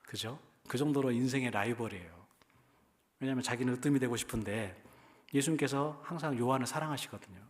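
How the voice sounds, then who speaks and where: A man's voice: mid-range voice, fast. A male pastor from the Jeolla region of Korea with a Jeolla accent, preaching a sermon in a conversational way and often putting questions to the congregation. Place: church.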